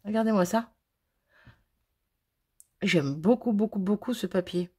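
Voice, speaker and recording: A woman's voice: medium pitch, measured pace, mellow, husky. A woman chatting to viewers as she unboxes craft mail, bubbly and self-mocking, gushing over each item. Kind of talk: casual chat to viewers. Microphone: phone.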